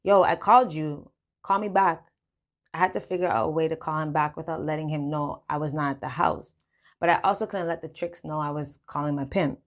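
A woman's voice: sits low, fairly even intonation, fast talker. A woman reading her own first-person story in a casual, slangy way. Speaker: narrator.

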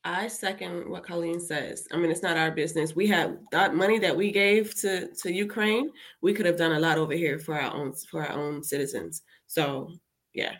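Lowish-voiced woman giving opinions. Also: steady tone, moderate pace. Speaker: panelist. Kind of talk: casual political discussion.

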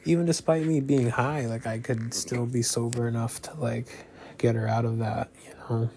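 A man's voice: mid-range voice, steady tone, normal speed, dark tone, slight background noise. A young man talking hesitantly in a personal confessional monologue, full of fillers and restarts.

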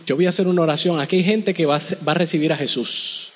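A man's voice: fairly high pitch, quick pace. A man preaching a fervent sermon as pastor, urging his congregation. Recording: long hall reverb with music behind.

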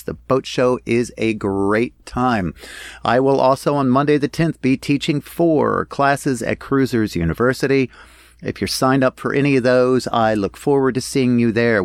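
A man's voice: fairly low pitch, no echo. A man speaking as a podcast host, giving a conversational solo announcement straight to his listeners. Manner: conversational, addressing listeners directly. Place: inside the cabin salon of a boat.

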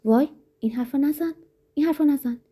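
Brief: a woman doing a pampered young woman in a spoken storybook, high and breathy, coaxing to pleading. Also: lively intonation, mellow. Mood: frightened, pleading. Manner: coaxing, then shrill and pleading.

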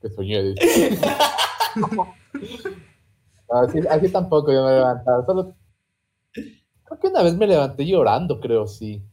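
A man's voice: on the high side, big pitch swings, moderate pace, dark tone. A young man, co-hosting a podcast and chatting loosely with plenty of swearing. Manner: swears freely, recounts dreams. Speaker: podcast co-host. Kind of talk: casual chat.

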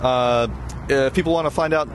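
A man's voice: mid-range voice, moderate pace, slight background noise. A male podcast host interviewing musicians backstage at a festival, friendly and full of "uh" fillers. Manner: friendly, laughs easily, many "uh" fillers. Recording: music playing behind.

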